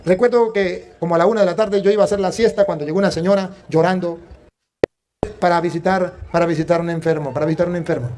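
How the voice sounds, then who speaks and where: Fast-talking priest, high-pitched. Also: male voice, noisy background. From Venezuela. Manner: animated, emphatic, tells anecdotes with quoted dialogue. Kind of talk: preaching and storytelling.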